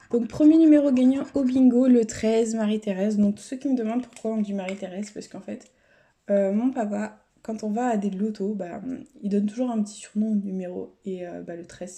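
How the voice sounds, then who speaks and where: A woman vlogger talks her viewers through what she is doing in a relaxed, chatty way. Her voice is deep-toned and mellow, at a middle pitch for a woman. She slips into quiet mutters and near-whispers at times, picked up by a camera set on a table. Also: husky. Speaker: YouTuber. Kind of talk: casual running commentary while scratching lottery tickets.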